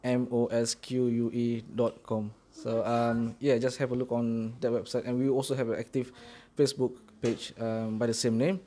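Middle-aged man from Singapore, even monotone, hesitant, handheld mic in a small prayer room. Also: medium pitch, normal speed, few pauses. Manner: steady, hesitant with many ums. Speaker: mosque founder. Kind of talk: casual interview answers. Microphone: handheld mic held by interviewer.

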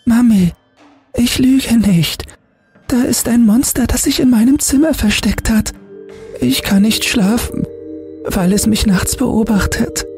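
A frightened eight-year-old girl pleads in a thin, very high voice, close to tears, as a man puts her on. The voice sits far above a normal adult range. Faint music plays beneath the horror audiobook reading. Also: unhurried, darkish tone. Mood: pleading, tearful.

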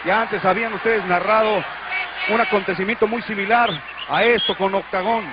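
A man's voice: sits high, steady tone, moderate pace. A man with a Mexican accent giving an urgent live backstage wrestling report with formal turns of address. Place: concrete backstage area of arena. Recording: lo-fi TV audio, loud crowd and noise. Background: loud crowd and noise.

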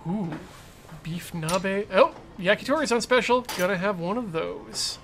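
A man's voice: sits high, slow pace, fairly bright tone, faint music behind. A middle-aged man giving casual, wry gameplay commentary as a streamer, with dry asides. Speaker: streamer playing a video game.

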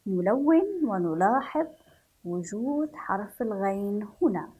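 A woman teaches young children to read, sounding out each syllable at an unhurried, deliberate pace. Her voice is soft and slightly husky, sitting at an ordinary middle pitch. She repeats every word patiently and praises the class. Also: very animated. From Yemen. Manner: spells syllables slowly and repeats words for children to follow; gently encouraging, praises the class. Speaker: primary school teacher. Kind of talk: children's reading lesson.

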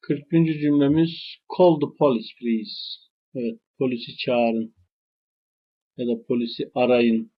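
Husky man teaching English phrases slowly. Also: mid-range voice, steady tone. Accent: Turkish. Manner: slow, careful modeling of English phrases with Turkish explanation. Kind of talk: language lesson. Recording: dull lo-fi recording.

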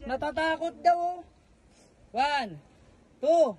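A man from the Philippines vlogging outdoors on a beach island, narrating excitedly and calling out to friends and viewers on a handheld camera. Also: very high voice, takes it slowly. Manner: exclaiming, calls out to friends and viewers. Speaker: travel vlogger. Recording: wind and surf noise outdoors.

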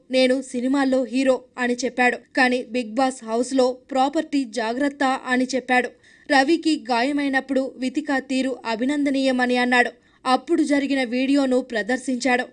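A woman narrating a scripted news recap in a steady reading voice. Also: sits high, normal speed.

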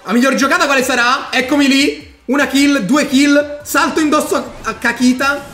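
A man giving excitable live commentary over his own gameplay, breaking into bursts of hype and talking straight to his viewers. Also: extremely high pitch, normal speed. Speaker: gaming YouTuber.

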